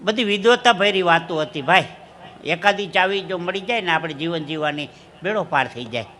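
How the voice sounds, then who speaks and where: Bright-voiced stage comedian. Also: male voice, high voice, brisk, a little hiss or hum. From Dwarka, Gujarat, India. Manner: laughs at his own punchlines. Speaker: stand-up comedian. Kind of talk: stage comedy storytelling at a folk gathering. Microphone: handheld stage microphone.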